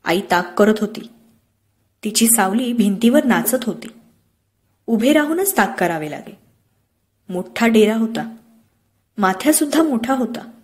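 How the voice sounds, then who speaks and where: A woman narrating an audiobook with measured, expressive storytelling. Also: on the high side. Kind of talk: scripted narration of a classic novel.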